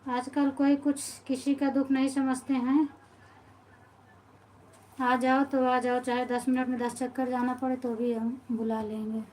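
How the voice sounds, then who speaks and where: A woman's voice: high-pitched, flat delivery, a little slow, a little mellow, poor audio. A woman in her thirties with an Awadhi-inflected Hindi accent, hosting a casual live stream and chatting with her viewers. She greets them by name and grumbles about how tired and busy she is. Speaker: live-stream host and folk singer.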